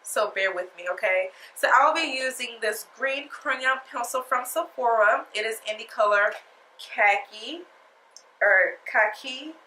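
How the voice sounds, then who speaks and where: A beauty vlogger talks through a makeup tutorial in a slightly high, sharp voice at an unhurried pace, casual, sassy and chatty, speaking straight to viewers. Her nose is stuffed up from a cold. The audio is poor and sounds roomy.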